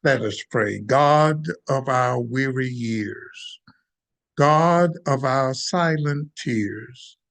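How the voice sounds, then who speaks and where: A man giving a benediction as a minister, praying in a calm, gentle, solemn and deliberate manner. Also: mid-range voice, vocal fry. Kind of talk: prayer, benediction.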